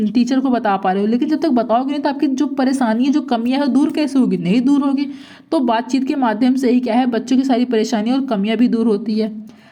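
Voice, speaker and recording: A woman's voice: fairly high pitch, warm tone. Woman teacher asking and answering her own questions. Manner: asks rhetorical questions and answers them, repeating points. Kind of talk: exam-prep lecture.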